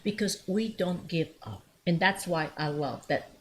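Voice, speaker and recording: A middle-aged woman born in Mexico and raised in Alaska, a business owner, appears as a guest on a podcast set at her home. Her lowish voice has lively intonation and a measured pace, and she speaks emphatically and motivationally, repeating phrases and posing rhetorical questions. There is slight background noise.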